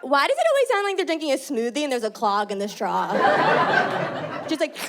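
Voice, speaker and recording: Loud New woman doing stand-up. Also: high voice, brisk, heavy background noise. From New York. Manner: loud, animated, acts out characters. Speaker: stand-up comedian. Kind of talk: stand-up comedy set.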